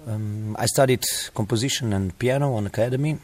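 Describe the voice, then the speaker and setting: A middle-aged man from Slovenia with a Slovenian accent, a composer and music teacher, answering interview questions in halting English with many pauses. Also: fairly low pitch, a little mellow.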